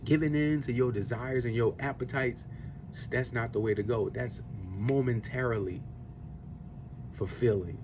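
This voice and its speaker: A mid-range male voice at a moderate pace, recorded with background noise. The speaker is a forties-aged podcast host giving a faith-based motivational monologue, earnest and preachy in tone, about discipline and eating, and he keeps coming back to the same points.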